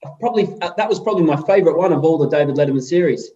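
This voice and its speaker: Very fast-talking man with a mellow voice. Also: fairly high pitch, muffled recording, slight background noise. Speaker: interview guest, company chief executive. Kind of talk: casual chat.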